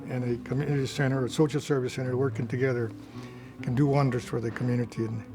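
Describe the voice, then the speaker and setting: An older man with a gravelly edge talks gratefully, stumbling and repeating words as he searches for them. Music runs quietly underneath. His pitch sits in a middling range. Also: little pitch movement, fast talker. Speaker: former scholarship recipient. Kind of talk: interview testimonial.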